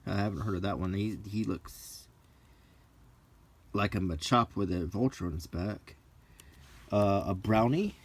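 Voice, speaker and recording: A middle-aged vlogger looks through game books and chats without a script, his nostalgic, faintly complaining asides creating accidental ASMR. He speaks in a fairly low voice, a little slowly and with long pauses, over slight background noise.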